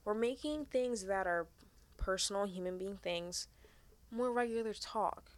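A young adult woman co-hosting a casual podcast, talking fast and loose, rambling and swearing freely. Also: medium pitch. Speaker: podcast co-host.

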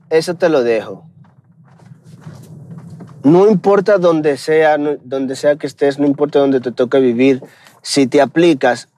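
A man's voice: medium pitch, warm tone, slight background noise. A man with a Dominican accent hosting a podcast, speaking in an earnest, encouraging, conversational way. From Dominican Republic. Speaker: podcast host. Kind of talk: motivational podcast monologue.

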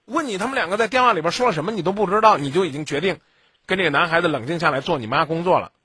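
Radio advice host, male, dry studio sound, lectures sharply, bright voice. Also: high-pitched, expressive, very fast, slightly rough, no echo. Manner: blunt, lecturing, scolding. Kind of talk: late-night call-in advice.

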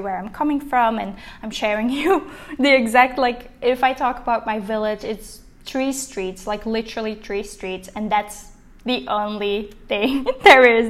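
Hosting a solo podcast, a Belgian business coach with Dutch as her native language talks in a warm, chatty, encouraging way. Her voice is a little high.

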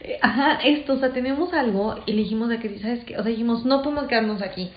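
A woman's voice: on the high side, quick pace. A young woman with a Mexican accent, telling a story in casual, laughing chat. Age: young adult. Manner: animated, laughing, slangy. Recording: roomy, slightly dull recording.

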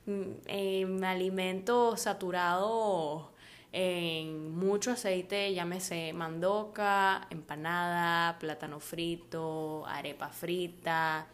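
A young woman with a Maracaibo Venezuelan accent co-hosts a casual podcast chat, her fairly low voice slow and fairly even in intonation. She's chatty, laughs easily, and leans on fillers like "o sea."

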